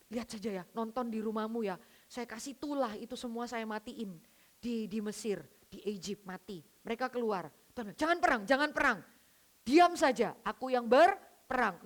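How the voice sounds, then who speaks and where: Woman vicar, high-pitched, animated sermon full of acted dialogue. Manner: animated storytelling, acting out dialogue with many pitch jumps. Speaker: vicar preaching. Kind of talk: lively sermon to a women's fellowship.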